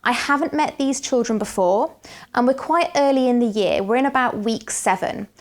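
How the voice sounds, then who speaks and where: Woman, southern English accent, high voice, primary teacher, sounds out letters slowly and clearly. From Berkshire, England. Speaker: phonics teacher. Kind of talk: classroom teaching with commentary.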